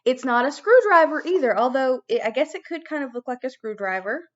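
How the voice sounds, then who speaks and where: A woman giving a video music lesson to young children as their teacher, animated and prompting them with questions. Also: sits high, brisk, highs cut off.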